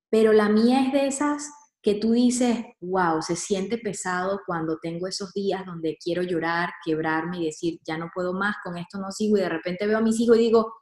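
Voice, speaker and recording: Woman, earnest, reflective, casual conversation, roomy echo, English words mixed in. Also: medium pitch.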